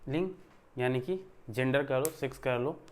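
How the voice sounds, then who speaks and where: A man's voice: mid-range voice, normal speed. A man teaching a grammar lesson in a conversational way, often checking in with his listeners and stressing words to show emphasis. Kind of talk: explanatory online lesson.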